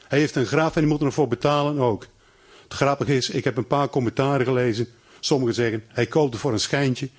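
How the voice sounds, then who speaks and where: A man preaching a sermon, retelling a scripture story with lively acted-out voices and frequent stammered restarts. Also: medium pitch, breathy edge.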